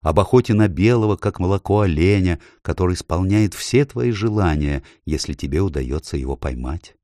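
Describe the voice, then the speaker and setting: A man reading a children's storybook aloud with an expressive, lilting delivery. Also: low-pitched, no echo, studio quality. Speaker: audiobook narrator. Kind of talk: storybook narration.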